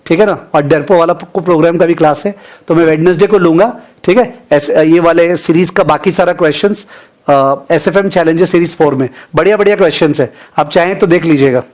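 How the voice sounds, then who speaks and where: A man's voice: fairly high pitch, brisk, darkish tone. A man from India teaching an online finance class in a casual, chatty way, mixing Hindi and English and often checking in with students.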